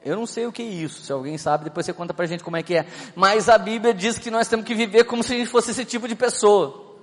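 A pastor with a Brazilian Portuguese accent delivers a humorous sermon, chatty and joking, often acting out small scenes while telling stories. His voice is high-pitched, quick and fairly bright. Hall reverb and faint background music fill the recording.

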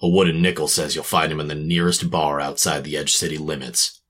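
A man voicing a gruff, sardonic noir private eye. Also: a bass voice, fairly even intonation, brisk, a bit bright. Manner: clipped, sardonic tough-guy delivery. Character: hard-boiled male private eye, cynical and sour. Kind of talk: noir radio drama narration.

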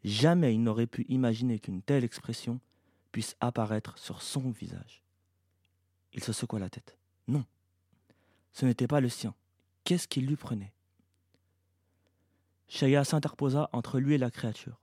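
A man, the author, reading his science-fiction novel aloud in an even, measured narration. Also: mid-range voice, no echo, clean studio sound.

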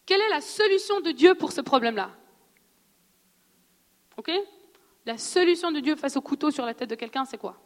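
Woman preaching with an accent, high-pitched. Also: moderate pace, pauses often. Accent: non-French accent in French. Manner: animated, conversational, laughs often, asks questions. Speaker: preacher teaching on prophecy. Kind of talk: sermon teaching. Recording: long hall reverb.

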